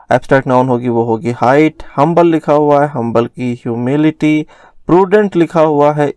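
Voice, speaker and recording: A young man teaching grammar in a recorded lesson, slowly spelling out words letter by letter. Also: a little high, darkish tone, clear, resonant tone, dry recording, clean studio sound.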